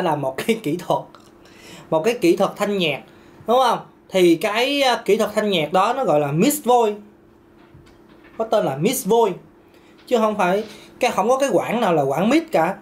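A man's voice: high voice, sing-song, moderate pace. A man, a singing teacher answering viewer questions in a casual lesson, chatty and repetitive, laughing now and then. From Vietnam. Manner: chatty, repeats words, laughs often, demonstrates notes.

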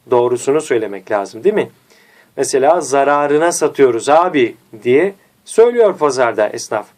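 A man teaching a diction lesson, speaking didactically and repeating key points to his viewers. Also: darkish tone. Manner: varies pitch and slows for emphasis. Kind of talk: instructional video lesson.

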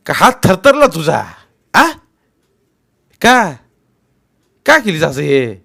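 A man's voice: very high-pitched, pitched above the performer's own voice, exaggerated voice. A man voicing a furious, self-pitying village headman who scolds his old mother in a storybook reading. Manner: shouting, scolding, rapid-fire questions.

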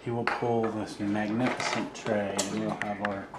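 A man's voice: on the low side, little pitch movement, a little slow. A man narrating a casual tour from behind the camera, talking up each thing with playful grandness. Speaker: vlog narrator filming. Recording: roomy, off-mic, faint noise.

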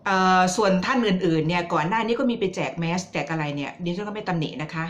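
A woman's voice: fairly low pitch, quick pace. A woman vlogger giving casual political commentary, chatty and teasing as she addresses her viewers directly.

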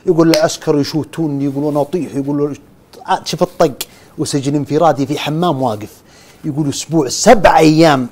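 A man with a Saudi accent tells a true story in the voice of a storyteller. He talks at a rapid clip, and his voice sits a little high for a man. He keeps returning to "he says" as he relays another man's account. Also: fairly even intonation, darkish tone. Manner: keeps repeating "he says" while retelling a friend's account. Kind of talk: storytelling narration.

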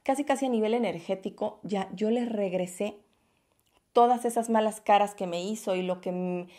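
A woman's voice: medium pitch, normal speed, dark tone. A woman giving a passionate, emphatic motivational talk to her viewers. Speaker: vlogger.

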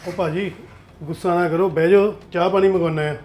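An actor playing a troubled firm owner who talks calmly and reasons with an angry client, with a Punjabi accent. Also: male voice, high-pitched, a little fast, close to an everyday voice. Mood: placating. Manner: soothing, reasoning. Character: troubled male firm owner, placating and weary. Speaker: office owner.

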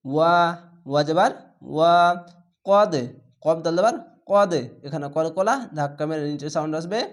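A man teaching Quran reading, spelling out each letter and vowel and then drawing out the recited words slowly. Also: a little high.

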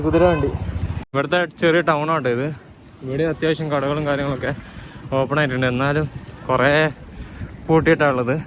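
A chatty Malayali man with a fairly high voice vlogs his cycle tour outdoors, pointing things out as he rides along the roads. His casual travel narration is picked up amid noisy traffic and wind.

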